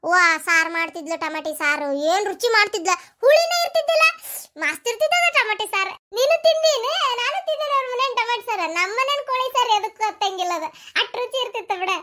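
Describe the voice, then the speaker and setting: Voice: extremely high pitch, bright, forceful tone. A performer voicing a gossiping married village woman with a North Karnataka Kannada accent in a cartoon comedy. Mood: gossipy. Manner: rapid, gossipy storyteller.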